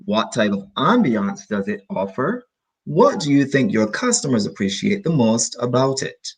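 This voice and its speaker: Guy teaching english on a video call, bouncy up and down voice, kinda husky, says everything twice in other words. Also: medium pitch, sing-song, poor audio. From Barbados. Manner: explains slowly with many repetitions and synonyms. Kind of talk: online English lesson.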